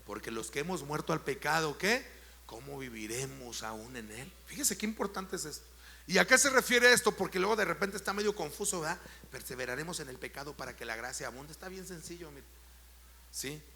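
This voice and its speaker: A middle-aged Mexican man preaching a sermon as pastor, firing rhetorical questions at the congregation, checking that they follow, and building to loud, forceful emphasis. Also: a little high, expressive, fairly quick, vocal fry, a little hiss or hum. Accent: Mexican Spanish.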